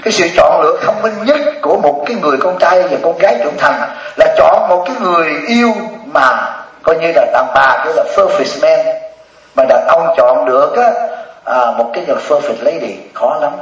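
Jokey Buddhist monk in an echoey hall. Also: male voice, fairly high pitch, lively intonation, fairly quick. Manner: jokey, laughs often, asks audience. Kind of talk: humorous dharma talk. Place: hall before an audience. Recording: echoey distant lo-fi hall recording.

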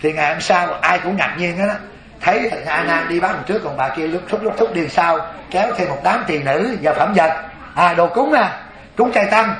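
A man, a Buddhist preacher telling a story in a lively sermon, asking his audience questions. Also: a little high, moderate pace, reverberant, crowd noise.

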